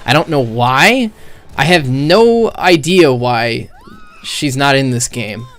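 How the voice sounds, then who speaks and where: A streamer with a medium-pitched, slightly bright voice rambles through casual game commentary at a slow pace, his intonation lively and his talk blunt, profane, and stuffed with "like." He's close on a high-gain streaming mic, so the sound is dry and hot.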